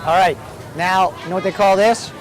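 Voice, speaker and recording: A travel show host with a high, steady voice chats casually at a normal speed while sampling street food at an outdoor night market. Music plays behind him, and the noisy crowd around him keeps up a busy chatter.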